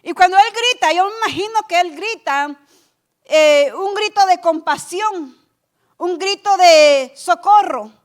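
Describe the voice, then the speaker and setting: A woman pastor delivers an earnest sermon in a high, light voice. She talks straight to her listeners, calling them brothers, and drops into soft, pleading prayers along the way. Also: a little slow.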